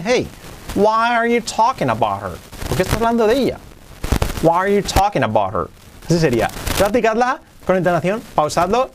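Male English teacher, native Spanish speaker, animated mid-pitch voice, slow repetitive drilling. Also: slight background noise. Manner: lively, drills phrases slowly and repeats them. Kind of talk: casual video lesson.

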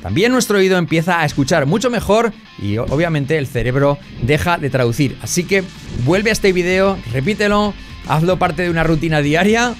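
Male teacher, native Spanish speaker, drills words in threes, slightly high voice, faint music behind. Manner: drills English words in threes, prompting "repite". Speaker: English pronunciation teacher. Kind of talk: lesson with repeat-after-me drills.

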